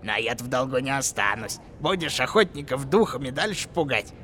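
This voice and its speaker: A man voicing a greedy, fawning trader in a storybook reading, sly and flattering. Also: mid-range voice, brisk, a little hiss or hum, lightly acted. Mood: scheming.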